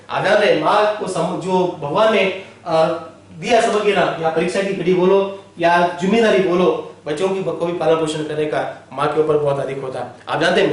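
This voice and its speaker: A man teaching a college Hindi class online, telling a story at length and constantly checking in with his listeners. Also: on the high side. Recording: very echoey room, voice from far off.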